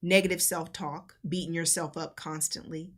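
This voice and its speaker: A woman's voice: low-pitched, steady tone, moderate pace. A woman co-hosting a casual couples talk show, talking in an earnest, encouraging, conversational way. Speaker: co-host.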